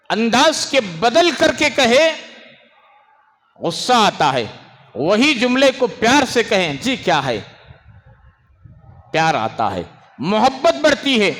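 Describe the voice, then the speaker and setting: A man preaching an Islamic sermon, swinging between raised, emphatic phrases and low asides, and stopping to hush restless children. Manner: scolds and hushes children in the audience. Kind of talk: religious sermon. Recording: long hall reverb.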